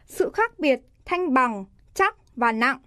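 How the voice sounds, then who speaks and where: A woman's voice: sits high, animated, takes it slowly, a bit bright, no room sound, clean studio sound. A woman teaching pronunciation, reading word lists aloud and articulating each word carefully. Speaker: language teacher.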